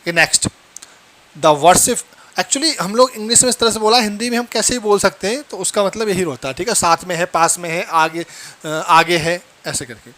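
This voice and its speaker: A man teaching English, drawing out each example sentence slowly and repeating it before explaining. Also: high voice, sharp tone. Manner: slow, drawn-out English example sentences between Hindi explanations. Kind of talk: Hindi-language English lesson.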